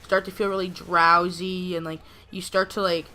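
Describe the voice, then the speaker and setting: Over gameplay footage, a young female video creator rambles through a personal story, full of "like" and "you know." She speaks at a moderate pace in a fairly low voice that barely moves in pitch and sounds pushed and bright.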